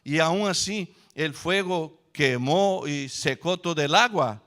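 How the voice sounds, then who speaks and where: Animated Spanish-speaking male pastor preaching. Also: a little high, slow. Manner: animated storytelling, shifting from hushed to loud. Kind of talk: sermon. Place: church sanctuary.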